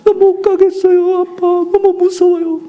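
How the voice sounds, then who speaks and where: A man's voice: very high voice, flat delivery, a little slow, dark tone, pitched above the performer's own voice. A man doing a scared little boy crying. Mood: tearful pleading. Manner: whimpering, pleading.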